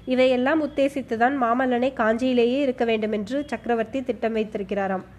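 A sly, scheming male monk who spreads slander with a smooth, knowing manner, put on by a woman. He talks in a fairly high voice for a man, close to the reader's own. It is a storybook reading voice. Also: fairly even intonation, a little fast, a little mellow, lightly acted. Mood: insinuating.

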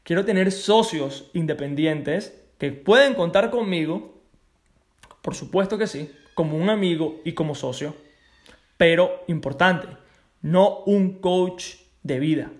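A man hosting a network marketing podcast, giving an emphatic motivational monologue and often checking in with "ok?". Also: high-pitched. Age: adult parent. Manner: emphatic, keeps asking "ok?".

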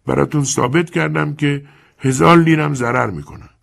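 A man voicing a sickly old moneylender in an audiobook, speaking softly, slowly and with calm menace. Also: a little high, gravelly, voice pushed up. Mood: calm, sly. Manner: soft, slow, calmly menacing. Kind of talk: audiobook character voice.

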